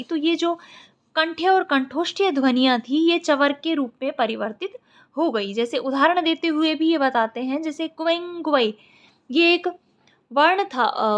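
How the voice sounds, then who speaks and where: A woman's voice: sits high, fairly bright tone. A woman teaching an exam-prep lecture, explaining step by step and repeating the key points. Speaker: Sanskrit teacher.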